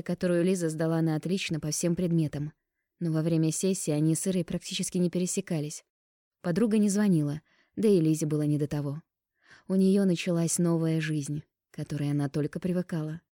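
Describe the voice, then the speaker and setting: A woman narrating a romance novel as an audiobook in a calm, even storytelling manner. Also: on the low side, dry recording, studio quality.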